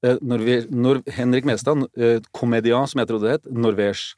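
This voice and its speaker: Man, mid-pitched, animated storyteller, acts out voices, dry studio sound. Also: dry recording. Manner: animated, acts out voices and shouts in his stories. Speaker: guest. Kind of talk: casual podcast chat, lively storytelling.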